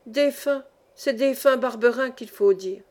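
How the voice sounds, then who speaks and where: A woman voicing a trembling, half-deaf old woman who keeps a shabby inn, exclaiming in slow laments in a storybook reading. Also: fairly high pitch, darkish tone, close to an everyday voice. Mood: blunt.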